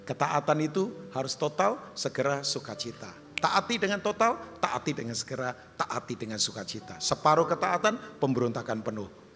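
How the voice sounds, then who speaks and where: Male pastor, sermon delivery; animated, wide pitch swings, bright tone, reverberant hall. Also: slight background noise. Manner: animated, jumps high for questions and quoted voices, drops low and soft for appeals; humorous storytelling with asides to the congregation. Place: large church hall.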